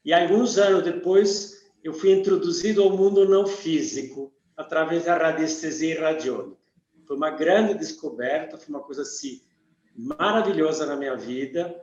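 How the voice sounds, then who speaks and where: An older man from Argentina, a radiesthesia teacher calmly explaining his field as a guest in an interview. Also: fairly high pitch, normal speed. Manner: calm, methodical, lists things one by one. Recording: dull, echoey call audio.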